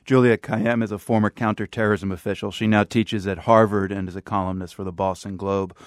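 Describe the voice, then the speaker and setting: Low-voiced male radio host, dry studio. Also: a little fast, no room sound. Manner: steady, clear delivery. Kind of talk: news interview and scripted narration.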